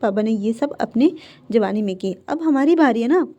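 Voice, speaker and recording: A woman doing a calm, reassuring young man. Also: fairly high pitch, moderate pace, muffled recording.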